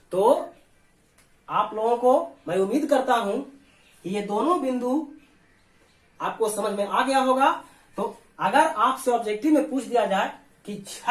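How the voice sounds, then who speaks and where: A man's voice: very high voice, fairly bright tone. A man with a Bihari Hindi accent teaching a board exam lesson, explaining step by step and answering his own questions. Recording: roomy echo.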